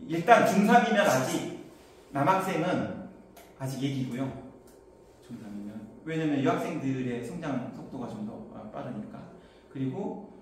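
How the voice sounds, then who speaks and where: A man's voice: sing-song, normal speed, slight background noise. Echoey man lecturing from afar. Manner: chatty, anecdotal, raises pitch to project. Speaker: academy instructor presenting to parents. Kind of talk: info session lecture. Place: lecture room. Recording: distant mic, very echoey hall.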